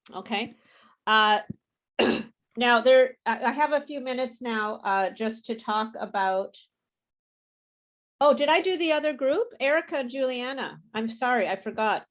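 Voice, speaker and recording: A woman with a standard American accent who teaches pronunciation in a casual, encouraging way, demonstrating sounds word by word. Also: medium pitch. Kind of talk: casual online class teaching.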